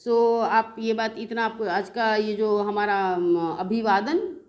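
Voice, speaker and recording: A woman's voice: mid-range voice, takes it slowly, darkish tone. A woman with an Indian English accent teaching a beginners' spoken English class, patiently explaining and asking rhetorical questions. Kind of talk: classroom lesson explaining in Hindi.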